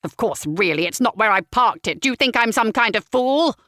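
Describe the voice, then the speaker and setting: A woman's voice: a little high, expressive, a little fast, bright, forceful tone, no echo, clean studio sound. A woman voicing a pompous, blustering retired army major, an older man who grumbles and fumes. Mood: indignant.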